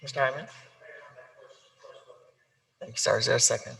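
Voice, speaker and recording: A man's voice: medium pitch, steady tone, normal speed, creaky, fairly bright tone, husky, rough recording. A man chairing a city council meeting as mayor, using formal, courteous procedural phrasing. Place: council chamber.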